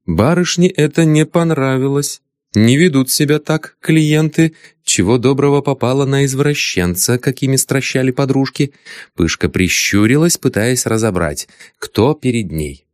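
A man reading an audiobook in a dramatic, expressive manner. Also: medium pitch, moderate pace, dry recording. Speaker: audiobook narrator. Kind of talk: scripted audiobook narration. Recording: dry close studio sound.

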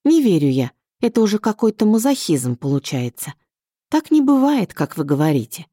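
A stubborn young woman in an audiobook, arguing in a bright, bouncy way, as a woman reads her. The lines jump up in pitch and stay lively. The reading is close and dry. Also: moderate pace, dry recording. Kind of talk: audiobook character voice.

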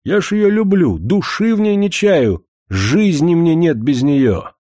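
A man's voice: medium pitch, sing-song, moderate pace, mellow, no echo, clean studio sound, pitched above the performer's own voice. A man voicing an earnest, lovestruck young man who pleads eagerly in a raised voice. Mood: pleading.

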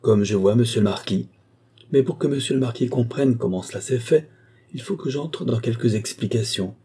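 A man's voice: mid-range voice, normal speed, mellow, a little hiss or hum, close to an everyday voice. A man voicing a sly, deferential valet who talks ceremoniously and at length in an audiobook. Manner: long-winded, ceremonious. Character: adult male valet, sly, wordy, deferential.

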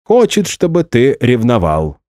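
A man's voice: mid-range voice, wildly swooping pitch, measured pace, mellow, no room sound, studio quality, voice pushed up. A man doing a teasing, nosy inner voice.

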